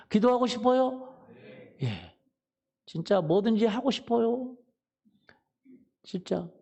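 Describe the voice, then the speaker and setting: A man's voice: sits high, gravelly, warm tone. A male pastor preaching a Sunday sermon in a church, telling a story and asking the congregation questions that he answers himself. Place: church sanctuary.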